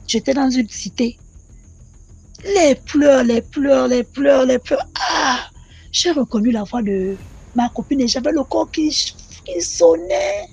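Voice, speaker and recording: A woman recounts a personal mystical experience to the channel in lively, repetitive storytelling. Her voice sits high but sounds mellow and husky. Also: no echo. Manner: animated, repetitive, addresses the channel directly. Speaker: caller sharing a personal story.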